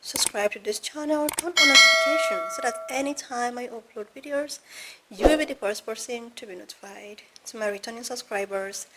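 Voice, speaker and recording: A woman's voice: mid-range voice, background noise. A woman host opening her channel with an upbeat greeting to viewers. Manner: upbeat, addresses viewers warmly. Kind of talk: channel intro.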